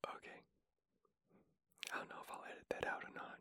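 A vlogger whispering the whole time, reading aloud and commenting in a halting way with many fillers, a little short of breath from the whispering. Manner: soft unvoiced whisper throughout.

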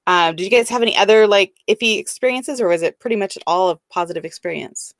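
Woman, mid pitch, dry sound, interviewer, quick affirmations. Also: dry recording. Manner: friendly asking, frequent "right, right". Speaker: podcast host.

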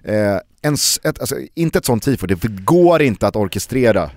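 A man hosting a casual podcast chat, animated and joking, often pausing on fillers as he builds his point. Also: on the low side, no echo. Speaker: podcast host.

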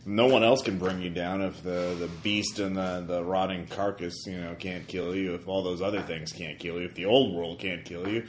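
A man's voice: deep voice, steady tone, moderate pace, few pauses, reverberant, slight background noise, voice pushed down, natural voice. A man playing a weary, resigned aging man who is tired of questing, in a tabletop roleplaying game.

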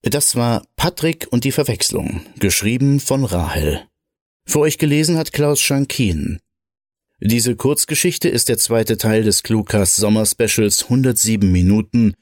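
A man calmly reading a dramatic short story aloud as narrator. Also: on the low side, a little slow, no room sound, studio quality.

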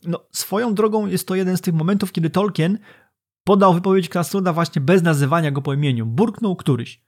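A man's voice: sits high, brisk, darkish tone. A man co-hosting a book discussion podcast, explaining in a conversational way. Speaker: podcast co-host.

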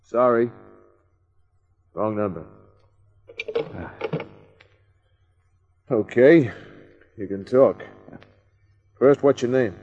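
An actor playing a hard-boiled private eye, who narrates and trades dry cracks in a vintage radio drama. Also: male voice, medium pitch, slow pace, a little mellow, dull audio, soft background music. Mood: wry. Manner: dry, wisecracking. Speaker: narrator and lead. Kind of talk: 1940s radio acting.

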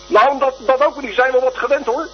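A man's voice: very high-pitched, steady tone, a little fast, a little hiss or hum. A man calling in to a radio show over the phone, rambling on in a cheeky, chatty way. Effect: heard over a phone line on the radio. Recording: muffled phone call on air.

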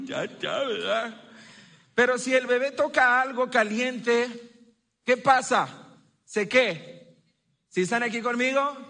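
Male pastor, high bright voice, slow and lively sermon, long hall reverb. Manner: lively preaching with asides and playful voices.

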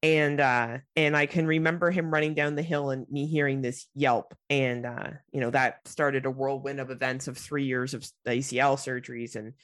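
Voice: medium pitch, flat delivery, moderate pace, hardly any pauses, a bit bright, no echo, clean studio sound. A podcast co-host chatting casually and jokingly, with a nasal voice stuffed up by a cold. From Canada. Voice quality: nasal, congested voice. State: has a cold.

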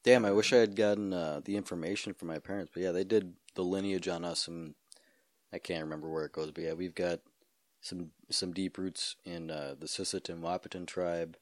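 Low-voiced laid-back young man. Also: steady tone, fairly quick, dry recording. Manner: laid-back, laughs often, rambling stories. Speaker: podcast host. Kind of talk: casual chat.

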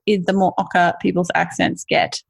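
A woman's voice: lowish voice, flat delivery, vocal fry, husky. A woman with a broad Australian accent hosts a podcast in a casual, chatty, informal way. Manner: chatty, informal, quick to laugh. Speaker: podcast host.

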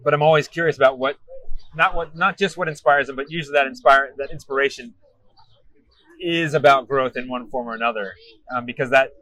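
A man's voice: mid-range voice, fairly quick, sharp tone. An American man hosting a casual podcast interview, asking questions and musing aloud, recorded a little away from the microphone. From United States. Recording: voice far from the mic.

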